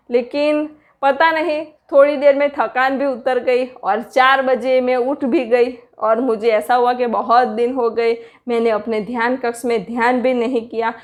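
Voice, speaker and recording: A middle-aged woman earnestly recounting her meditation experiences and preaching to listeners in a repetitive, direct way. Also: on the high side. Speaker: spiritual speaker sharing meditation experiences. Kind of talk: personal spiritual talk.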